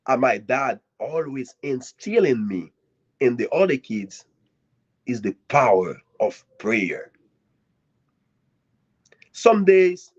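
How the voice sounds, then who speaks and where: A man from Haiti, a guest author giving an earnest, grateful speech at a live author event, with swinging emphasis and long dramatic pauses. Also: fairly high pitch, a little mellow, slightly rough. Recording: dull lo-fi audio.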